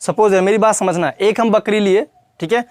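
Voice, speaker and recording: A man's voice: high voice, moderate pace, a little mellow, no room sound. A man teaching English grammar in a classroom lesson, repeating points and quizzing the viewer with questions, calling them brother and child.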